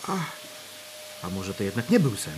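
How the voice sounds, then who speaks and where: A man acts out a hapless, stubborn office drinker with a hangover for an audio drama. The delivery is slow, groggy and stammering, swinging widely in pitch. There is faint noise behind it. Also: big pitch swings. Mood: bewildered, hesitant. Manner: stammering, groggy, slurred exclamations.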